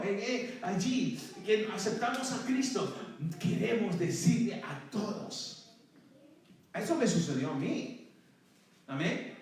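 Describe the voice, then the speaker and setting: A male pastor preaching a sermon to his congregation, often calling them "hermano" and breaking into praise. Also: high-pitched. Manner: calls out to the congregation, repeats "hermano" and praise phrases. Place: church sanctuary. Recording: very echoey church hall from far off.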